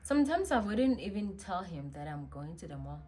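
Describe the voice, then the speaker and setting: Low-voiced woman telling a story. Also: normal speed. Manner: animated, slangy storytelling with sudden loud bursts. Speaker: vlogger. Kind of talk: storytime vlog.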